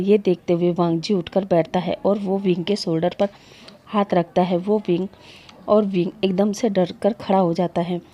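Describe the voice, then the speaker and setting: A woman hosting a storytelling channel, retelling a fan story in a steady, conversational narration. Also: lowish voice.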